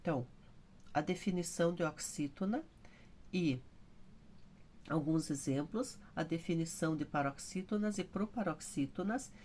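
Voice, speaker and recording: A woman's voice: low voice, moderate pace, long pauses, a little mellow, a little hiss or hum. A woman with a Brazilian Portuguese accent teaching a classroom lesson, explaining patiently step by step.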